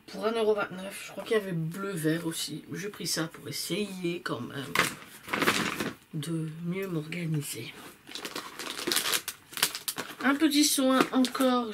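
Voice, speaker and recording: A woman's voice: mid-range voice, very noisy. A woman chatting casually to the viewer in a haul vlog, rambling with many fillers and self-corrections. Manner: talks straight to the viewer. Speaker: vlogger reviewing purchases.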